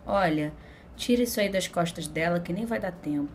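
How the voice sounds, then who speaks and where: Woman quoting a brisk bossy obstetrician. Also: on the low side, slight background noise, close to an everyday voice. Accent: Brazilian Portuguese. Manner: brisk, commanding.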